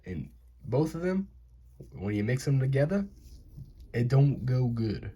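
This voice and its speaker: A man's voice: mid-range voice, sing-song, unhurried, mellow, husky. A young man with a Southern American accent, rambling and joking to himself while drawing. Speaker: animation channel host. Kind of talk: casual drawing commentary. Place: indoors at home.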